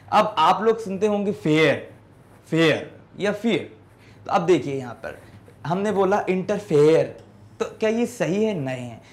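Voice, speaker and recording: A man teaching an English class, explaining step by step and often checking in with students. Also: fairly high pitch. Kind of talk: classroom lesson in Hindi with English words.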